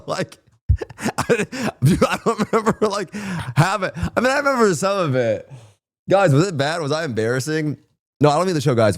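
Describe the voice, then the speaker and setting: A man's voice: fairly high pitch, no echo. A worn-out, hungover man chatting casually to livestream viewers in slangy, profane, rambling, self-deprecating talk, on a close streaming microphone. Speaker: live streamer.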